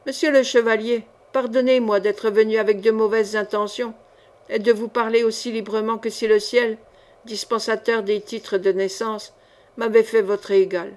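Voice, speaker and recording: A woman's voice: on the high side, level tone, normal speed, darkish tone, close to an everyday voice. A woman reading the part of a lanky, chatty male painter with a nasal voice and flowery, courteous speech. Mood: courtly, effusive.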